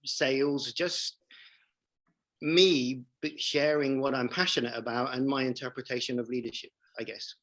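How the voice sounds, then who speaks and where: Man in his 40s, coach talking in an interview, keen and emphatic, average pitch. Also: steady tone, normal speed, fairly bright tone, rough recording. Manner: enthusiastic, emphatic, repeats phrases for emphasis. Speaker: leadership coach and trainer. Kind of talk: interview guest storytelling.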